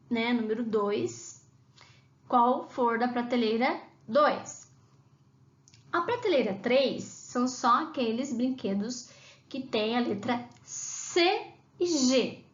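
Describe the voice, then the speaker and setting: A woman teacher with a Brazilian Portuguese accent, explaining a remote lesson to young children and patiently sounding out syllables. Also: high voice. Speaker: primary school teacher. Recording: echoey room, dull lo-fi sound.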